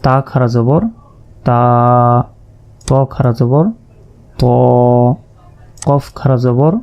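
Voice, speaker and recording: A man leads a patient Quran reading lesson, naming each letter with its vowel sign and then sounding it out. His voice is very dark and mellow, and he moves at an unhurried, deliberate pace. He keeps pointing out sounds that learners often get wrong. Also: mid-range voice, steady tone, muffled recording. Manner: stresses common pronunciation mistakes. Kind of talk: step-by-step recitation lesson.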